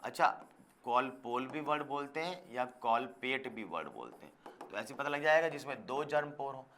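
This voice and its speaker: Hindi biology teacher checking understanding. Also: male voice, medium pitch, expressive, normal speed, fairly bright tone, slight background noise. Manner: calls students "beta", keeps checking they understand; mixes in English scientific terms. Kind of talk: classroom lecture.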